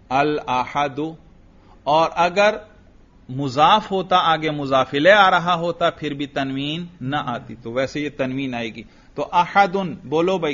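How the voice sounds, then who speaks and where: A male religious teacher giving a classroom grammar lecture, drilling students with repeated questions and chanting phrases slowly in a sing-song. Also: fairly high pitch, a bit bright. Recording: dull lo-fi lecture recording.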